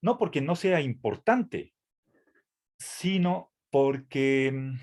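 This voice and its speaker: A male university lecturer speaks slowly in a medium-pitched, expressive, a little mellow voice during a tutoring lecture. He explains with care but hesitates a lot, using many fillers and restarts and often checking in with "¿sí?".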